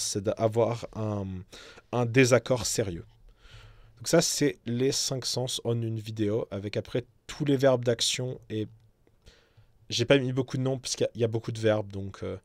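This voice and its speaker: A man explains words in an easygoing lesson, halting now and then to find the phrasing. His voice sits at an ordinary middle pitch. The sound is close and dry, with no room around it. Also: darkish tone, no room sound. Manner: unscripted, hesitant, with fillers and restarts. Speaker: English teacher. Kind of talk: casual vocabulary lesson.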